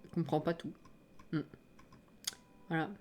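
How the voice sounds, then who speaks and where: A woman with a French accent, streaming live and chatting casually with her viewers, self-mocking and quick to laugh. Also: sits low, monotone, darkish tone, soft background music.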